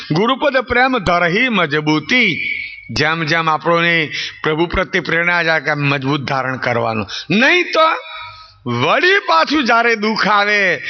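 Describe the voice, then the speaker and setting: Male preacher, high voice, story sermon with emphatic swoops, dull recording. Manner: rhetorical questions to the audience, swooping emphatic delivery.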